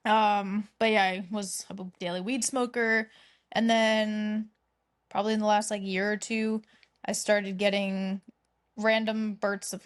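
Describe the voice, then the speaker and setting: A young woman hosts a podcast in casual chat. She rambles, restarts her sentences and laughs often, and her voice sits at a middling pitch. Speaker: podcast host.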